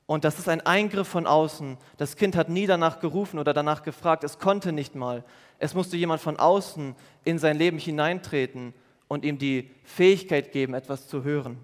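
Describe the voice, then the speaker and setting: A man's voice: a little high, normal speed. A man preaching a youth service sermon, earnest and explanatory, repeating his key phrases. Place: church hall. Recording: long church hall reverb.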